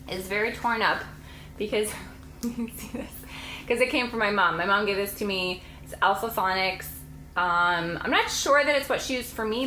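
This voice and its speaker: A woman's voice: medium pitch, bright, forceful tone, reverberant, slight background noise, poor audio. A woman in her late twenties, a homeschooling mom vlogger, chatting casually and rambling to camera with frequent laughs. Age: late 20s.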